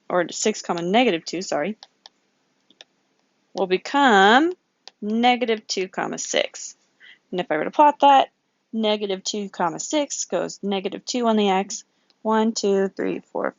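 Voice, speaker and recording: A woman's voice: mid-range voice, no echo, muffled recording. A woman teaching a recorded geometry lesson, working problems aloud, counting grid squares and correcting herself as she goes. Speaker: math teacher.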